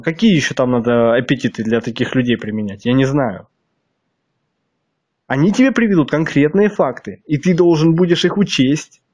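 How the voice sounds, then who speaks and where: A video blogger with a rather high yet darkish voice and a slightly stuffy nose delivers a blunt, crude monologue, pelting his viewers with rhetorical questions.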